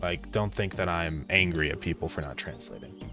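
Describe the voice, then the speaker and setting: Man, casual live-stream chat, low voice, relaxed, thinking aloud, faint background music. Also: normal speed. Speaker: indie game developer streaming.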